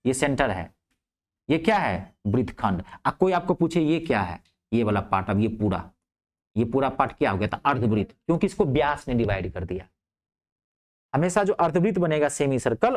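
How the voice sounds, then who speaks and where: A male math teacher. He explains geometry step by step, keeps asking whether things are clear, and drops his voice low to answer his own questions. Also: darkish tone. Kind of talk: lively classroom math lesson.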